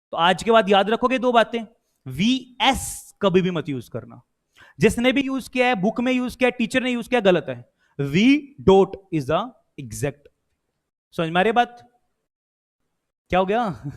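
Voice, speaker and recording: A man with an Indian accent teaching a law class, quizzing students and mixing Hindi with English. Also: sits high. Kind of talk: online class lecture.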